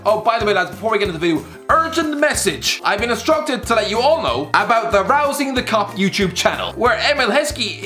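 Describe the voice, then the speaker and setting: A man's voice: high-pitched, fairly bright tone, roomy sound. A man with an Irish accent doing sardonic, joking comic football commentary to viewers, with some swearing. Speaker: host of a football YouTube channel.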